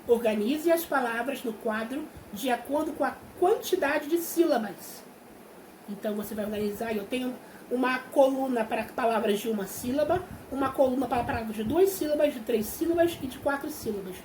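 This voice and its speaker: A high-pitched Brazilian woman teaching a young class, patient and clear, stretching out words syllable by syllable. Her voice rings in an echoey room. A faint hiss sits under the recording. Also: a little mellow. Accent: Brazilian Portuguese. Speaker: primary school teacher. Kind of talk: remote class explanation.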